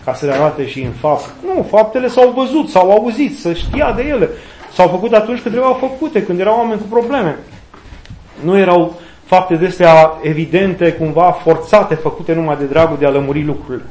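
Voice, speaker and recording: A man's voice: sits high, lively intonation, darkish tone. A man giving an informal sermon in a conversational way, acting out quoted voices with humor. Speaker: preacher. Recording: echoey room with faint noise.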